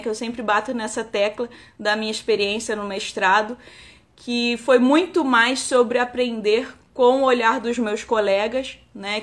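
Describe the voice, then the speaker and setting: A woman in her thirties from Rio with a Carioca accent, an enologist talking casually on a live stream and padding her talk with fillers. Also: on the high side. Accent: Carioca Brazilian Portuguese. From Rio de Janeiro, Brazil. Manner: chatty, many "né" and "tá" fillers, restarts.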